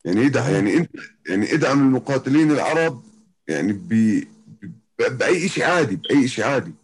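In a fast, sing-song, mid-range voice, a man from Jordan with a Palestinian-Jordanian Arabic accent chats casually during an interview. He's a professional MMA fighter and tends to repeat and revisit his phrases.

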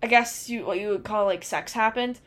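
A woman's voice: medium pitch, normal speed. A woman in her twenties telling a personal story on a podcast, rambling with lots of "like" and "um" and laughing often. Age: 20s. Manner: rambling, fills with "like" and "um". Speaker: podcast co-host. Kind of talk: casual storytelling chat.

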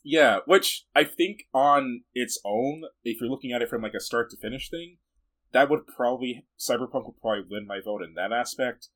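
A man's voice: mid-range voice, normal speed, a bit bright. A man co-hosting a podcast, chatting casually about video games and movies, swearing offhandedly and laughing often. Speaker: podcast co-host.

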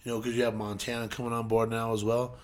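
A man's voice: mid-range voice, little pitch movement, quick pace. A man co-hosting a podcast, easygoing, asking questions in casual chat. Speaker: podcast co-host.

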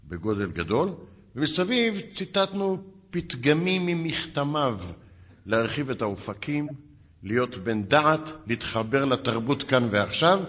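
A man gives a rabbi's lecture in the manner of a lively storyteller, slipping into dry sarcasm. His voice is mid-pitched, neither high nor low. The sound carries a long reverb, as in a large lecture hall. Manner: lively storyteller, dry sarcasm, acts out both sides of dialogues. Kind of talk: storytelling lecture with acted quotes.

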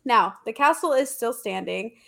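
A woman's voice: a little high, animated, moderate pace, creaky, pushed and bright. Stuffy-nosed woman, chatty storyteller. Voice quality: stuffy, congested nose. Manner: chatty, informal, slangy and emphatic. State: congested from seasonal allergies. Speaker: podcast host. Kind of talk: casual conversational history storytelling.

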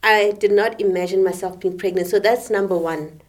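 A young woman co-hosting a podcast from South Africa, speaking in a measured, reflective way in short halting phrases. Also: medium pitch, steady tone. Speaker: podcast co-host. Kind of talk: candid conversation.

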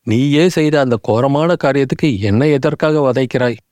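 A man's voice: mid-range voice, normal speed, a little mellow, no echo, studio quality, close to an everyday voice. A man reading the anguished, pleading thoughts of an aging king who is terrified of a ghost, in an audiobook. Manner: pleading, anguished inner cry.

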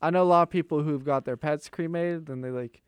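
A man's voice: on the high side, brisk, clean tone, no room sound. A young American man talking in an easygoing, conversational way in a casual chat. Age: young adult.

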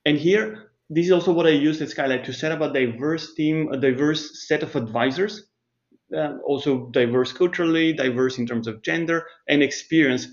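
A man from Bulgaria, a startup CEO, answering interview questions in a measured, explanatory way, with restarts and thinking pauses. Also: on the high side, dull audio.

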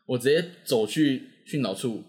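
A man's voice: mid-range voice, moderate pace. A young man with a Taiwanese Mandarin accent, telling a story in casual chat and acting out the voices of the people in it. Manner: lively, animated, acts out quoted voices.

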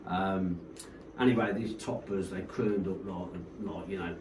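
A man's voice: sits low, steady tone, measured pace, recorded from a distance, noisy background. A man from Coventry spins long, rambling stories as a guest, leaning on "like, you know." His voice carries a roomy echo and sits a little back from the mic, with faint ambience behind him. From Coventry, England. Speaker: rave promoter, guest. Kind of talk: casual storytelling interview.

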